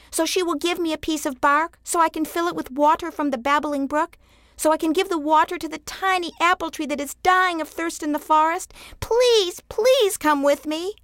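A woman doing little Yamo, a high pleading boy. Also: moderate pace, no room sound, clean studio sound, close to an everyday voice. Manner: earnest, pleading.

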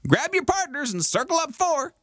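A man playing a cocky high-voiced rabbit. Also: moderate pace, a bit bright, dry recording, studio quality. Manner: high sing-song calling. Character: cocky fast-talking male rabbit fiddler.

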